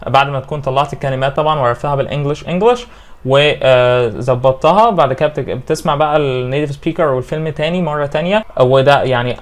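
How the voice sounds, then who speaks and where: A man with an Egyptian Arabic accent teaching English pronunciation in a casual online lesson. He explains quickly in Arabic, drills English words slowly and carefully, and keeps checking in with "okay?" and "right?". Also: medium pitch.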